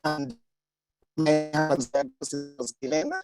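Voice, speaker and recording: A woman speaking as a webinar guest on a video call whose connection keeps breaking up. She talks haltingly, with pauses and fillers. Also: low-pitched, big pitch swings, vocal fry, over loud music. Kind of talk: casual spoken account over a video call.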